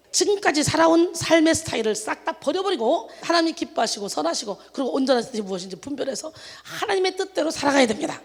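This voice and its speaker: A woman's voice: high voice, long reverb tail. A woman pastor preaching a sermon in an emphatic manner, with exclamations of hallelujah and rhetorical questions to the congregation.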